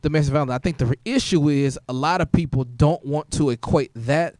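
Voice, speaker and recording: A man hosting a podcast, talking casually with halting restarts and lively shifts in tone. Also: on the high side, dry recording, studio quality. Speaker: podcast host. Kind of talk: casual chat.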